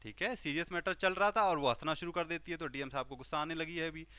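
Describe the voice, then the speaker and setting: Indian man, homeopathy teacher, story-style lecture, forceful tone, pitch a bit high. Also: fast, smooth, no echo. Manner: animated, acts out characters, repeats "okay".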